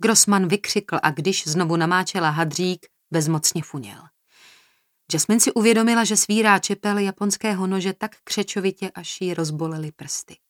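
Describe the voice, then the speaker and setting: A woman narrating a thriller audiobook in a steady, even tone. Her voice sits low, and the recording is close and dry. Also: no echo. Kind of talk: scripted narration.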